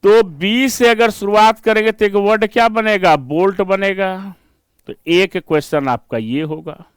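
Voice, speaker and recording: A man's voice: sits high, a little slow, clear, resonant tone, dry recording. A man with an Indian accent teaching an exam-prep reasoning lesson, explaining step by step in mixed Hindi and English and checking in with rhetorical questions.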